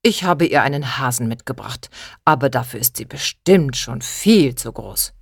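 A woman voicing a hearty, loud middle-aged uncle who sprinkles French greetings into his talk, in a storybook reading. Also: mid-range voice, animated, moderate pace, gravelly, slightly rough, dry recording, clean studio sound. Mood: jovial.

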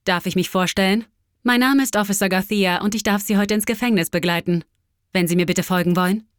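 A woman voicing a brisk, formally polite male police officer with a clipped, mock-courteous manner. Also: high-pitched, steady tone, a bit bright, clear, resonant tone, dry recording, clean studio sound, voice pushed down.

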